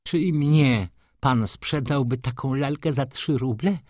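A man voicing a spiteful, vindictive older baroness who talks in a shrill, accusing, theatrical way. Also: measured pace, darkish tone, no room sound, clean studio sound, close to an everyday voice. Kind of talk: audiobook character voice.

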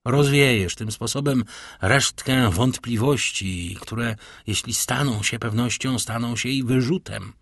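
A man voicing a grave, noble, wealthy count, once a prisoner, speaking in a solemn, measured way with a husky voice. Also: fairly low pitch, big pitch swings, dry recording, clean studio sound, full character voice.

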